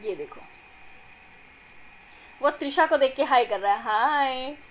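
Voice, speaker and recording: A young adult woman, a vlogger and mother, narrating her family video in a chatty, doting, excited voice-over. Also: sits high, slow, rough recording. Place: recorded apart from the filmed scene.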